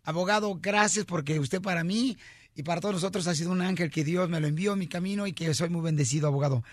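A man hosting a radio comedy show, telling jokes in a loud, rowdy, playful way. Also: high-pitched, fast, no echo, studio quality. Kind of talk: joke-telling radio banter. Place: radio studio.

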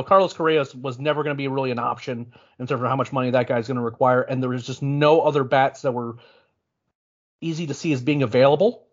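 A man co-hosting a sports podcast, talking casually and thinking aloud with frequent restarts. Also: medium pitch. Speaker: podcast co-host. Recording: muffled lo-fi podcast audio.

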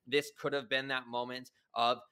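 Man, podcast host, casual chat, enthusiastic, analytical, mid-pitched voice. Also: level tone, normal speed, bright, forceful tone, smooth.

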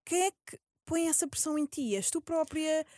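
A woman's voice: sits high, moderate pace, dark tone, no room sound, studio quality. A young woman with a European Portuguese accent hosting a casual interview, informal and slangy with English words mixed in. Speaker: podcast host.

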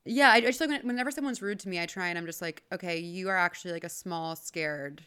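A woman's voice: on the low side, fast, pushed and bright, clear, resonant tone. A woman, a comedian guesting on a podcast, chatting playfully with mock-dramatic asides. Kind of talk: casual chat.

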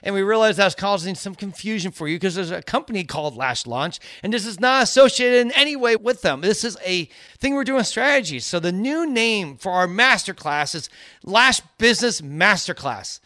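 Bright, rambling male podcast co-host. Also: high voice, animated, moderate pace, dry recording, studio quality. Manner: rambling, conversational, upbeat. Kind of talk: casual business podcast chat.

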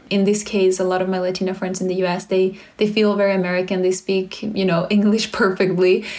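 A woman who grew up in Sweden, a brand founder talking casually in an interview and using "like" often. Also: fairly low pitch. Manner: chatty, frequent "like" fillers.

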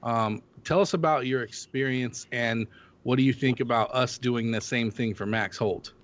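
A man's voice: mid-range voice, moderate pace. Chatty podcast co-host guy, kinda muffled lo-fi audio. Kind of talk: casual podcast chat. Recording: slightly dull lo-fi audio.

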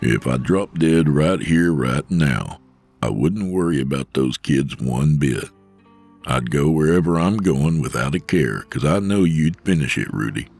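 An actor playing a big, gruff male vigilante Santa in an audio drama, talking in a slow, steady, reassuring way. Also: faint music behind, heavily acted. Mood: earnest. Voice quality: deep gravelly voice.

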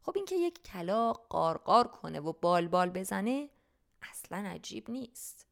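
A woman narrating a humorous storybook for teenagers in a playful, lively manner. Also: medium pitch, vocal fry.

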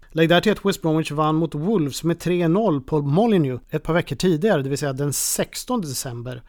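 A man's voice: fairly high pitch, a little mellow, dry recording, studio quality. A man in his fifties hosting a podcast, narrating wistful, reflective memories in a scripted way. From Sweden. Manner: wistful, nostalgic. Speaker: podcast host.

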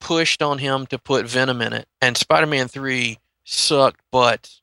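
Creaky, bright-voiced man chatting on a podcast. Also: medium pitch, measured pace, dry recording, low-quality recording. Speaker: podcast regular. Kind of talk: casual geek-culture chat.

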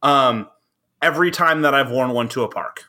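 A man's voice: mid-range voice, normal speed, bright, forceful tone. A man bantering casually with friends as a podcast co-host, in crude, profane frat-bro talk.

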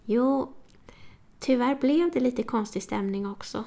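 A woman reads Sara, a young woman who turns defensive fast, in an audiobook. The voice sits a bit high, with a gravelly, fry-touched grain. She talks earnestly and plainly. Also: dark tone. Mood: confiding.

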